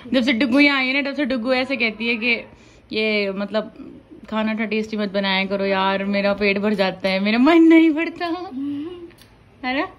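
A woman's voice: mid-range voice, fairly even intonation, moderate pace, fairly bright tone, dull audio, slight background noise. A young woman, chatting casually and teasingly in a family vlog filmed on a phone. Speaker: vlogger. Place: home, indoors and on a rooftop.

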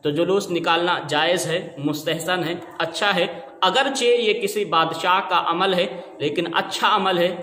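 Male preacher, high bright voice, emphatic and argumentative, roomy echo with long reverb. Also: a little hiss or hum. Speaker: Islamic preacher. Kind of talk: religious lecture to camera. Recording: echoey room with long reverb.

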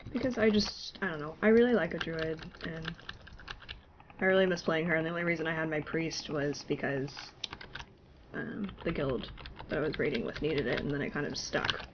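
A woman with a cold chats casually as a gaming YouTuber, laughing at herself while she plays. Her congested voice is low and moves at a moderate pace, recorded on a desktop mic without a webcam, with the highs cut off and a faint hiss or hum.

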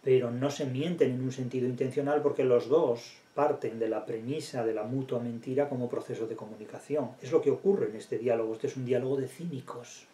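A man's voice: mid-range voice, fairly quick, few pauses, warm tone, roomy sound. A man giving an academic literature lecture and reading passages aloud, digressive and full of rhetorical questions.

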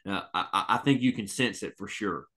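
A man's voice: lowish voice, a little fast, fairly bright tone. A man co-hosting a college football podcast, talking emphatically and repeating himself. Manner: emphatic, repeats words, says "man" often. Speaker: podcast co-host. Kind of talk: casual sports talk.

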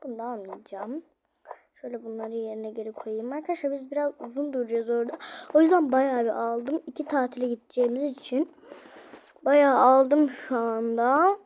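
A woman's voice: a little high, a little fast, darkish tone, a little hiss or hum. A young woman narrating casually as she plays, chatting straight to her viewers. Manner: chatty, addressing viewers directly. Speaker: vlogger. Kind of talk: casual game play narration.

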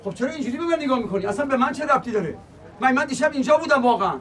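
Fussy uncle, high voice, wailing, fawning, theatrical, TV comedy. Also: male voice, animated, fairly bright tone. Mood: defensive. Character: Garsha, fussy excitable middle-aged man, evasive and theatrical. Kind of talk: Persian TV comedy series acting.

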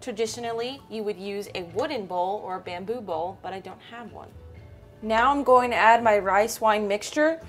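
A woman's voice: mid-range voice, normal speed, soft background music. Upbeat woman explaining step by step. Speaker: fishing and cooking channel host. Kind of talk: instructional cooking vlog.

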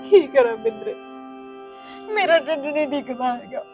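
A woman's voice: high-pitched, animated, moderate pace, soft background music. An actress playing a grief-stricken mother who is crying and pleading as she laments her missing daughter. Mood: wailing. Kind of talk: Punjabi family drama acting.

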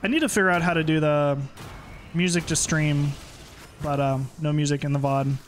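A streamer chatting casually with friends while playing, excitable, swearing and singing snatches to themself. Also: mid-range voice, normal speed, a little hiss or hum. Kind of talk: casual gaming chat with friends.

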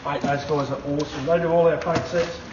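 A man's voice: a little high, brisk, distant mic. A middle-aged Australian man chatting cheerily as he unboxes parts in a motorcycle shop. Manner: excitable, cheery whoops. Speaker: shop owner and channel host. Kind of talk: casual unboxing chat. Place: motorcycle shop showroom by open doors. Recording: roomy, muffled, with loud background noise.

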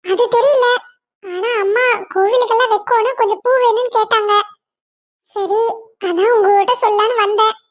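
A woman's voice: very high voice, steady tone, moderate pace, voice pushed up. A woman voicing a timid young female servant in a cartoon story, who asks hesitant questions. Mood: polite.

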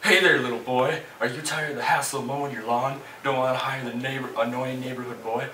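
A man's voice: medium pitch, fairly even intonation, fairly quick, background noise, lightly acted. A young man acts out a hard sell infomercial salesman with a slightly stilted, homemade delivery. The sound is echoey and a bit distant, as from a camera in a small bare room. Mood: salesy. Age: teens to young adult. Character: older salesman pitching a gadget to a boy. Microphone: camera a few feet away.

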